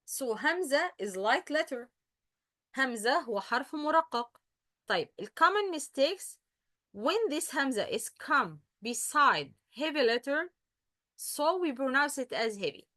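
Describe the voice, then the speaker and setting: A woman's voice: sits high, sing-song, slow, sharp tone, dry recording, studio quality. A woman with an Egyptian Arabic accent teaching pronunciation, switching between English and Arabic and repeating sounds to demonstrate them. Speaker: tajweed teacher. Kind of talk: bilingual lesson, translating and explaining.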